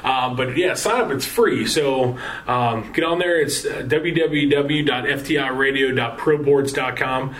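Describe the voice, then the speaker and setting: A man's voice: medium pitch, a bit bright, poor audio. Tired, rambling male podcast host. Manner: rambling, halting sign-off with many fillers. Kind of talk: casual sports podcast chat.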